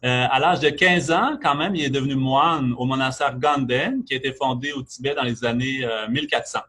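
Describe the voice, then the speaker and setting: A man with a Québécois French accent, speaking at a middle pitch as he opens a conference. He introduces the guest in an unhurried, halting manner, linking his thoughts loosely with "donc". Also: fairly even intonation, bright, forceful tone. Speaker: event host introducing a speaker.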